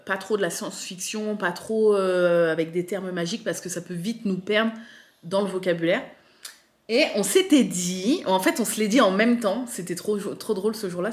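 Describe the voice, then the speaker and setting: Young woman from France, casual vlog chat, excitable and gushing, hesitant fillers, middle pitch. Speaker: vlogger.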